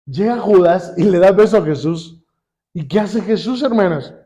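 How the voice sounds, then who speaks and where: High-voiced Mexican preacher quizzing his flock. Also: lively intonation, normal speed, dark tone. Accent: Mexican Spanish. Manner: calls on the congregation with repeated questions. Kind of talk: sermon.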